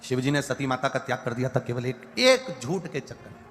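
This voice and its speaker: A man's voice: medium pitch, big pitch swings, fairly quick, a bit bright. A man giving a devotional sermon, speaking emphatically in repeated lists and breaking into sung chants. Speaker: kathavachak preacher. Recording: long hall reverb.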